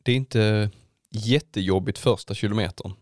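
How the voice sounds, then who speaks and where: Measured, hesitant man on a dry mic. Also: on the low side, no echo. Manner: hesitant, many fillers and restarts, measured. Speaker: podcast co-host. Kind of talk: casual chat.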